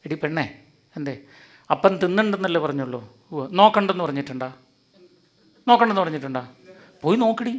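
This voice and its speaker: A man's voice: fairly high pitch, expressive, a little fast, pauses often, natural voice. A man playing a sly taunting serpent tempter. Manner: wheedling, taunting with repeated questions. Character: sly male serpent tempter goading a woman.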